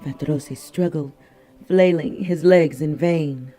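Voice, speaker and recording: Slow, mellow male audiobook narrator. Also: a little high. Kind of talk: scripted thriller narration.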